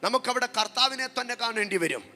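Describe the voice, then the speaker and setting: A male pastor with a Malayali accent preaching a sermon, repeating phrases and rising to shouts and speaking in tongues. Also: very high voice, expressive, fairly quick, faint music behind.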